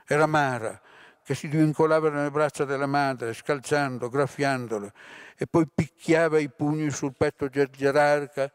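A man's voice: on the high side, fairly even intonation, normal speed, smooth, no echo. Man reading a novel aloud, dry sound. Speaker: literature lecturer. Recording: dry close recording.

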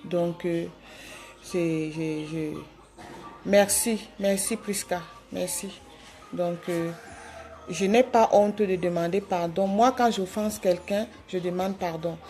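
A woman's voice: on the low side, fairly even intonation, slow, warm tone. A woman speaks to her followers on a live phone video, pleading and going over the same points again and again. She stumbles into hesitant restarts as she talks. Faint music plays underneath. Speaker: livestreamer addressing her followers.

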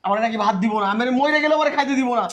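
An actor playing a lazy, spoiled young man who loudly and whiningly demands food. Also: extremely high pitch, racing. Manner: whiny, demanding, loud. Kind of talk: village family drama acting.

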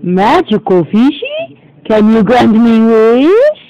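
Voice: mid-range voice, huge pitch swings, slow, highs cut off, heavy background noise. A performer voicing a simple, hungry pet dog in broken baby talk, in a homemade toy story with sound effects. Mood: goofy.

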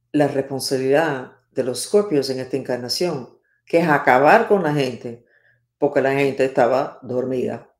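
A woman's voice: very deep voice, a little mellow. A woman astrologer giving an emphatic, dramatic spoken horoscope reading and acting out each sign. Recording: roomy echo.

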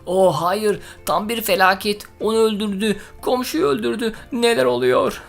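A man voicing a terrified young boy who pleads and shouts in panic. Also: mid-range voice, lively intonation, fairly quick, faint music behind. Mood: panicked. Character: terrified young boy fleeing his parents.

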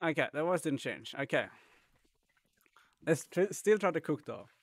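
A young man chats loosely through a live gaming stream, laughing and tossing out "bro" and "man" between plays. His voice has a gravelly fry, and the sound is dry and close with no room around it. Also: on the high side, sing-song, unhurried, no echo. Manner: laid-back, laughs often, says "bro" and "man" a lot.

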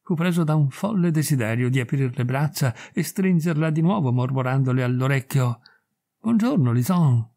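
A man reading a classic short story aloud in measured, expressive narration. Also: medium pitch. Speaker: audiobook reader. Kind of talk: scripted literary narration.

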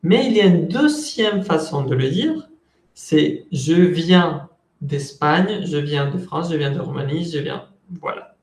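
A man in his thirties teaching an online French lesson from an office on a video call, slow and deliberate, explaining step by step. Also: a little high, animated, a little mellow, echoey room. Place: office with window blinds. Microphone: earphone headset mic on video call.

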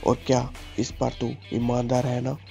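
A man's voice: mid-range voice, completely flat delivery, moderate pace, creaky, dark tone, soft background music. A man voicing an angry poor father who rants and threatens while narrating a game story. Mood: fatherly. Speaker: gaming channel host.

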